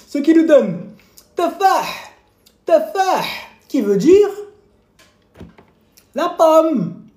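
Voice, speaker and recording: A man's voice: very high voice, sing-song, extremely slow, long pauses, darkish tone, echoey room. A man chatting casually on a live stream while eating, teasing his viewers with playful mini lessons and quizzes. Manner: chatty, teasing, mock-lessons, talks with mouth full. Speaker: fitness coach streaming live.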